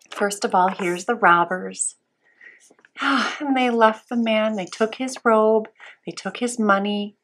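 A woman with a fairly low pitch and a somewhat bright tone teaches young children a Bible lesson in Sunday school. Sweet and patient, she asks simple questions and pauses for answers.

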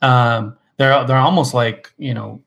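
A man's voice: medium pitch, measured pace, vocal fry. A man in the middle of his range, chatting loosely as a podcast co-host. He talks with easy enthusiasm, trailing off and restarting his sentences often. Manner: relaxed, many fillers and restarts, enthusiastic recommendations. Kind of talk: casual chat.

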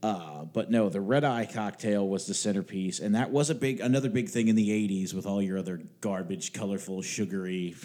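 A man's voice: fairly low pitch, a little fast, few pauses, warm tone. A man co-hosting a podcast, chatting casually in a wry, rambling way with some swearing. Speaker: podcast co-host. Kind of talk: casual chat.

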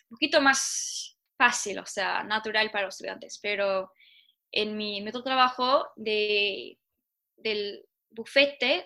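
Young Chilean woman, quick chatty interviewee, higher pitch and a sharp, bright tone. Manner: talks fast, like a little bird. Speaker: interviewee, Spanish teacher. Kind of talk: casual conversation.

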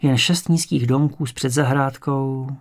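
Gravelly male audiobook narrator. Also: medium pitch. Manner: calm, measured storytelling.

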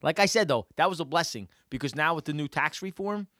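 A man's voice: on the high side, animated, fast talker, pushed and bright, no echo, studio quality. A man co-hosting a casual chat, emphatic and jokey, often calling his partner "bro.". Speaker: podcast co-host.

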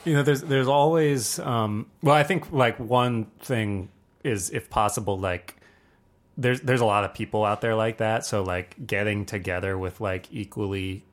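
A man with a fairly low voice is the guest in a relaxed conversation about music. He talks haltingly, piling up fillers and restarting his sentences as he thinks aloud. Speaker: percussionist and composer guest. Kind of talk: casual conversation.

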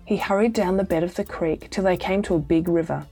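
A woman with an Australian accent reading a children's storybook aloud, giving the characters' lines gently. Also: on the low side, a little fast, slightly rough. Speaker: audiobook reader. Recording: soft music bed behind voice.

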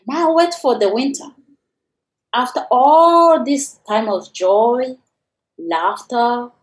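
A woman with a Rwandan accent tells a personal story for radio, using dramatic pauses and rhetorical questions. Her voice is a little high, and the audio quality is poor.

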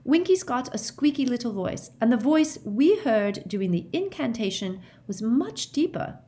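A woman's voice: a little high, very animated, measured pace, mellow, voice pushed up. Hermione, a woman reading as a nervous teen girl. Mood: nervous insistent. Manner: nervous yet insistent. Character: nervous but determined teenage girl witch.

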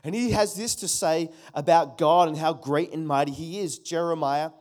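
This middle-aged pastor preaches with real force, returning again and again to his key phrases and calling for responses from the congregation. For a man his voice is a bit high, with a darkish tone and a moderate pace.

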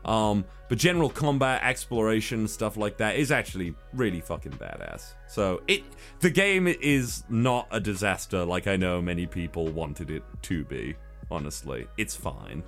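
A man's voice: lowish voice, very animated, normal speed, a bit bright, faint music behind. A man co-hosting a podcast, chatting casually and animatedly, swearing often and laughing. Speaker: podcast co-host.

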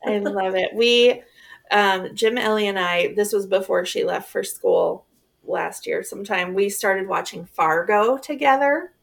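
A woman's voice: medium pitch, unhurried, vocal fry. A woman in her forties from the southern US, co-hosting a casual chat in an easygoing way and agreeing readily. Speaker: podcast co-host.

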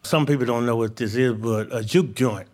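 Guy, mid pitch, plain spoken and a bit halting, telling his life story in an onstage interview. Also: a little mellow. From Arkansas, United States. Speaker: interview guest, barbecue cook. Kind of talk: candid personal storytelling in a live interview. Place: on stage at a live show.

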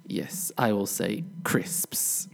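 A British man hosting a podcast English lesson, explaining word pairs slowly and modelling contrasting pronunciations. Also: fairly low pitch, gravelly, in a whisper. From Britain. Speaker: podcast host and English teacher.

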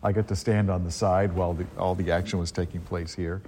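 A middle-aged or older man speaking as a priest at a church service, with a husky voice and an unhurried, conversational delivery that repeats phrases, echoing through a large church. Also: sits low, level tone, a little mellow, slight background noise. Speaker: priest preaching at a Christmas service. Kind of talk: liturgical reading and homily. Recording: long cathedral echo in a large church.

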